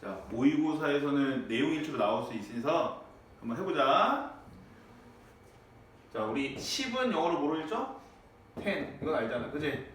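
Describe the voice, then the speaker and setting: A male English teacher gives a lively classroom lecture, his voice swinging up and down as he quizzes students with constant tag questions. He sounds a little high for a man. He is caught from far off in a very echoey room with faint background noise. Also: moderate pace, pauses often. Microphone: far from the mic.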